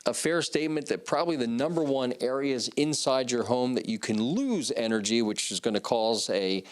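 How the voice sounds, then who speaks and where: A man presents as an infomercial host, talking conversationally and setting up leading questions. His voice sits at an average pitch. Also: moderate pace, clear, resonant tone.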